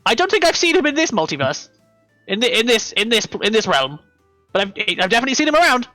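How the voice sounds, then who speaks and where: Tabletop game imp, male, played by a woman: pixie-like, high, chirpy, mischievous, dry sound with music behind. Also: fast, dry recording. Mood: curious, scatterbrained. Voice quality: high-pitched. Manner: impish, pixie-like, chirpy, excitable. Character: giggly, mischievous small male pixie-like trickster.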